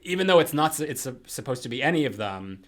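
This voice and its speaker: A man in casual podcast chat, his voice sitting at an ordinary middle pitch. He talks through a film in loose, rambling turns, full of fillers and restarts. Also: sing-song, quick pace. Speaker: podcast co-host.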